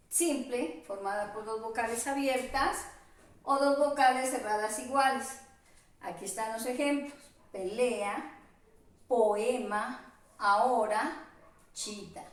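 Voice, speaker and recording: Slow woman teacher, echoey room. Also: a little high, distant mic. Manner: slow, careful spelling-out of examples. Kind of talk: virtual class lecture.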